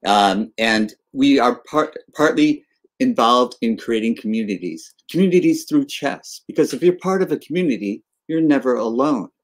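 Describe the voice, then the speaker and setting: A man in his sixties hosting a casual video-call interview, talking haltingly with many fillers and restarts. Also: mid-range voice, expressive. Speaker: interview host. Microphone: webcam on video call.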